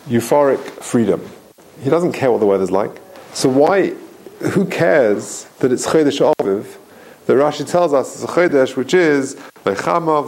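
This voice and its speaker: Man, gravelly voice, Torah lesson, stretches key words, asks emphatic questions. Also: mid-range voice, darkish tone, poor audio. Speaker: rabbi teaching Torah. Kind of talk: Torah class with storytelling.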